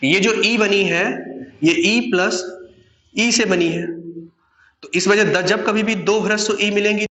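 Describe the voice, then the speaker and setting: A man's voice: sits high, steady tone, slow, fairly bright tone, reverberant. A young man teaching a grammar lesson to online students, who asks questions and then answers them himself.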